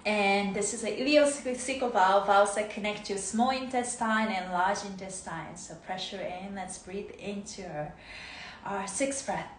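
Her mid-range voice stays steady and runs a little slow as this thirtysomething movement coach, a native Japanese speaker from Japan, greets her live-stream class in a bubbly, sing-song way and laughs often. She's filmed on a phone in her living room, close at first and later from across the room, which echoes and carries faint noise.

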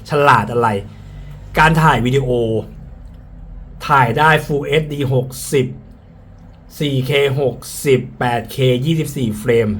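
Wearing a face mask that slightly muffles his fairly high, somewhat bright voice, a tech reviewer gives a casual, frank take on a product. He keeps coming back to the same points, and clear background ambient noise runs through the recording.

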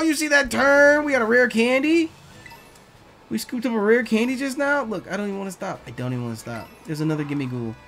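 Commentating a video game let's play, this gaming YouTuber speaks on the high side, excitably repeating catchphrases and cursing often. Hoarseness is creeping into his voice.

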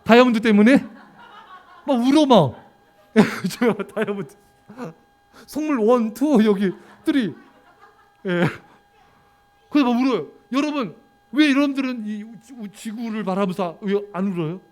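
A man with a notably high voice preaches to his congregation. He jokes, teases the children in the pews and now and then barks at them to hush. His delivery is playful and animated. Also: normal speed, long pauses. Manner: lively and joking, teasing children in the congregation; breaks into sudden shouts for quiet. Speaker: pastor. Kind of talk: sermon.

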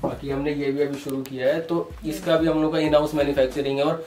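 A young man rattles off prices and product details in a quick, slightly high salesman's patter as he walks through a warehouse. The sound is roomy and echoey, and he is caught from a few feet off the mic. He keeps the patter brisk and practical the whole time. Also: flat delivery, a little mellow, far from the mic. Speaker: soft toy wholesaler showing his stock. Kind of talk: casual product walkthrough. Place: large indoor toy warehouse showroom.

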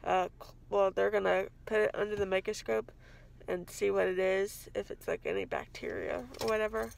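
A woman's voice: mid-range voice, lively intonation, moderate pace, creaky, a little hiss or hum. A woman in her thirties giving a casual, rambling vlog update into a phone held at arm's length. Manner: chatty, rambling, self-correcting. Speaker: vlogger. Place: home kitchen, then parked car.

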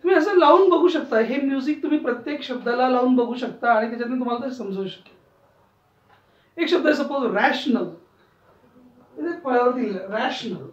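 A woman teaching English pronunciation in a classroom lesson, repeating words slowly and stressing syllables, often asking her learners questions. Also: sits high. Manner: asks learners questions and checks understanding. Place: room with a writing board. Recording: roomy, distant and dull sound.

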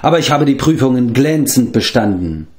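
A man's voice: mid-range voice, expressive, normal speed, close to an everyday voice. A man reading aloud and voicing a boastful, hapless former king turned wandering bard who rambles and corrects himself. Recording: roomy echo.

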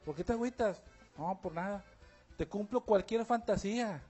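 A man with a high, husky voice rambles through a long crude joke on a radio comedy show, full of street slang. Faint music hums behind him. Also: normal speed, mellow. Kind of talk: telling a crude joke on air.

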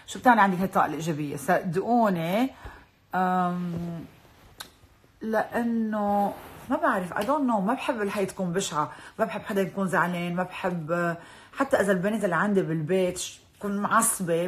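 A chatty woman with a Lebanese accent, talking casually into her phone on a live stream. She drops English words into her talk and laughs easily. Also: lowish voice. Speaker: social media personality hosting a live stream.

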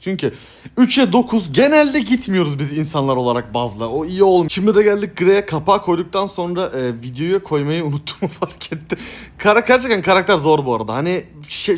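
A young man talks through his gameplay with a hoarse, somewhat high voice. He swings from loud excited yelps to quiet mumbled asides as he plays. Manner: bursts into loud high yelps and laughter, then drops to mumbling. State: hoarse from shouting. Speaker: gaming streamer.

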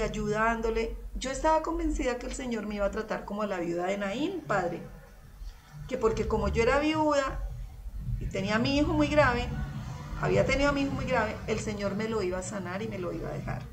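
A woman's voice: fairly high pitch, far from the mic, noisy background. A middle-aged woman with a Colombian accent, a guest giving an emotional, earnest faith testimony and often addressing the priest.

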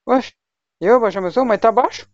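A man's voice: extremely high pitch, normal speed, no echo. Slangy young man streaming games. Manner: slangy, chatty, talks to voice chat while playing. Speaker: gaming livestreamer. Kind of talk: casual live gaming chat. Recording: dull, lo-fi home stream mic.

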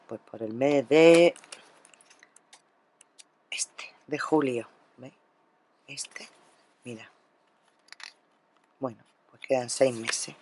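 A woman's voice: rumbling low, a little hiss or hum. A woman from Spain chatting through her craft shopping haul at a table, talking straight to her viewers and often restarting her sentences. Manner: chatty, addresses viewers directly, lots of restarts. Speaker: craft vlogger. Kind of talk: casual haul narration.

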